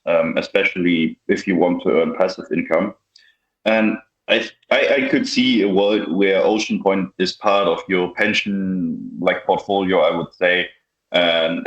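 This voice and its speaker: Young man on a roomy, dull-sounding call. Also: low-pitched. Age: young adult. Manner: casual, many likes and restarts. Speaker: guest software developer. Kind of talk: casual interview chat.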